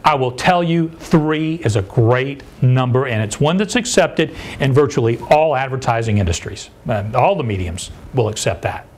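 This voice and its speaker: A man's voice: medium pitch, moderate pace, few pauses. An older man, a sales consultant, giving a seminar talk and putting questions to his audience. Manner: animated, addresses audience with questions.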